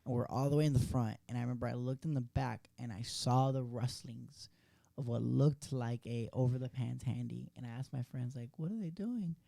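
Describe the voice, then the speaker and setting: A man in his late twenties rattles off rambling, profane stories in a quick, gravelly, mellow voice. He co-hosts a casual chat podcast and is recorded in a dry space. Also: mid-range voice, no room sound. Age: late 20s. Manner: rambling, profane, slangy storytelling. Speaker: podcast co-host.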